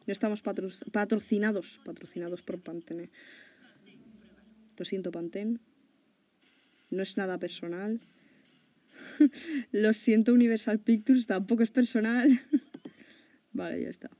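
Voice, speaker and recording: A young woman hosts a casual podcast, rambling chattily and swearing offhandedly. Her voice sits mid-range and sounds mellow and soft-edged. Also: mid-range voice, steady tone, a little slow, long pauses. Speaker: podcast host.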